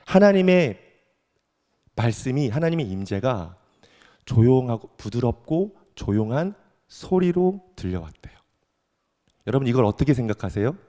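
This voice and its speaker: A male pastor preaching a sermon, reading scripture slowly and swinging from loud emphatic declarations to soft, quiet asides. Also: mid-range voice, big pitch swings. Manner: reads scripture slowly and deliberately. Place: church sanctuary. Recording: long hall reverb from a church sanctuary.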